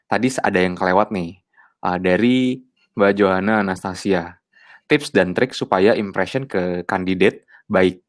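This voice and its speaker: Man, lowish voice, webinar host, casual, reads questions aloud. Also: moderate pace. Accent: Indonesian. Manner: relaxed, stumbles while reading questions. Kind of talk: moderating a webinar Q and A.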